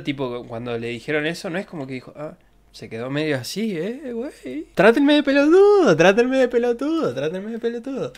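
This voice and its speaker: A young man with an Argentine accent comments on a reality show in casual, excitable reaction talk. His voice sits at an ordinary middle pitch. He is crude and quick to mimic other people, breaking into high squeals. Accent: Argentine Spanish.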